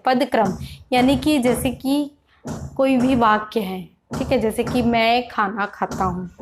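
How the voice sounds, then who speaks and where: Female teacher, fairly high voice, patient explainer, slight hiss behind her. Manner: explanatory, repeats words slowly to stress spelling; frequent "theek hai" check-ins. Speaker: Hindi teacher. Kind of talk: online grammar lesson. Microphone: computer or phone mic, online class.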